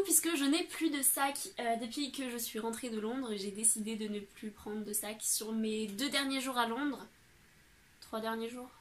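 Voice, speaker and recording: A young woman from France answers her viewers' questions in a loose, chatty vlog. Her voice is bright and a little high, and she fills her talk with small hesitations. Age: young adult. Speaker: vlogger. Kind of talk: casual Q&A vlog.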